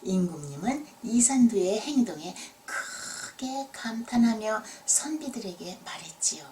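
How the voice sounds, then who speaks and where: A woman telling a children's fairy tale in gentle, explanatory narration with dramatic emphasis. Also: medium pitch, expressive, a little slow, recorded from a distance, slight background noise. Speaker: children's storyteller.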